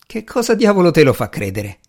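A proud young magician talks in a dry, sardonic way, as a male reader gives him voice. His pitch moves freely and animatedly. It is a storybook reading. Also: very animated, a little fast, a little mellow. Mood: scornful.

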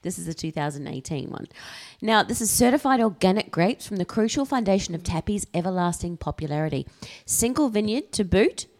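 Woman, 30s, casual co-host, lowish pitch, confident wine talk. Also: expressive, a little fast, few pauses, a little mellow. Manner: chatty, self-styled wine expert. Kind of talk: casual wine-tasting chat.

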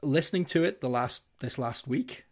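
A man in his thirties with a deep voice, co-hosting a casual music podcast. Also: expressive, moderate pace. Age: 30s. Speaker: podcast co-host.

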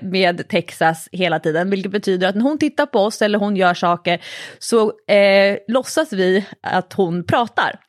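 A woman's voice: mid-range voice, no echo, studio quality. A woman co-hosting a casual chat podcast, playful and jokey, acting out funny voices as she talks. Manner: playful, acts out voices for laughs. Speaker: podcast co-host and coach.

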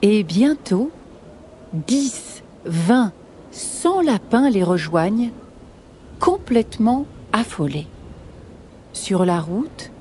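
A woman reading a children's story aloud in an expressive, unhurried way. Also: medium pitch, a little hiss or hum.

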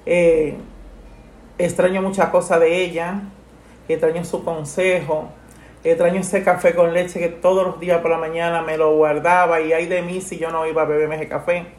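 A middle-aged woman, talking softly and haltingly about her late mother, full of grief. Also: lowish voice, level tone, echoey room. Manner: grieving, soft and halting, with many restarts. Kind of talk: emotional personal conversation.

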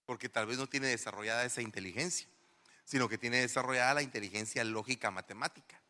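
A middle-aged male pastor giving an animated sermon in a church, firing rhetorical questions at the congregation. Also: medium pitch, quick pace. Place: church hall. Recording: long church reverb.

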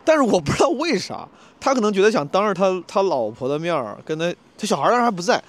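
A man tells a story in a casual, rapid vlog. His voice sits a little high for a man, and he acts out the other people in the story with a raised voice. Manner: animated, acts out quarrels in raised voice. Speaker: comedian vlogger.

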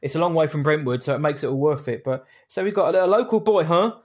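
A man's voice: a little high, quick pace, darkish tone. A man co-hosting a podcast in a laid-back, matey, rambling way. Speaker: podcast co-host. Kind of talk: casual podcast chat.

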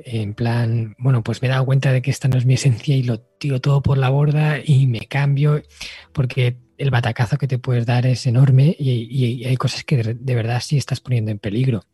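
A man speaks as a guest on a podcast, his tone mellow and a little husky. He talks in a measured, thoughtful way, and the recording sounds dry, with no room in it. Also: mid-range voice, no echo. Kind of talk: casual podcast conversation.

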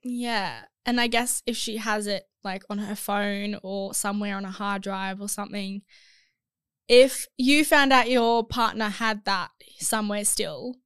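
A woman's voice: medium pitch, measured pace, a bit bright, clear, resonant tone, no room sound, studio quality. A young woman, co-hosting a casual chat podcast and sounding congested from a cold. She chats and often trails off and restarts her sentences. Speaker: podcast co-host.

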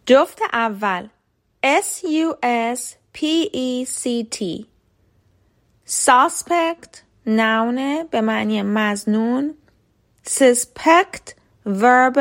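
A woman hosting a short podcast lesson, speaking clearly and deliberately and slowing down to spell out and model words. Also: a little high. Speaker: podcast host and English teacher.

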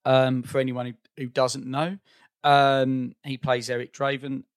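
A man's voice: mid-range voice, measured pace, dry recording. Essex man in a dry, close recording. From Essex, England. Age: 40s. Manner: self-described monotone, informal. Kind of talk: casual film discussion.

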